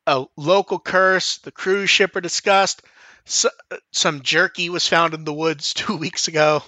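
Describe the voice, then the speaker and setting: A podcast co-host recapping a cartoon episode in casual chat, quoting the characters with sarcastic asides. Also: male voice, on the high side, fairly even intonation, bright, forceful tone, dry recording. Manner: recaps plot quickly, acting out characters' lines sarcastically.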